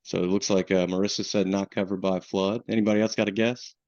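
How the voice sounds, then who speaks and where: A man's voice: sits low, flat delivery, quick pace, a little mellow, dry recording. A man with a Southern US accent presenting a webinar on flood insurance in a casual way, with plenty of restarts and fillers. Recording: dull, lo-fi webinar audio.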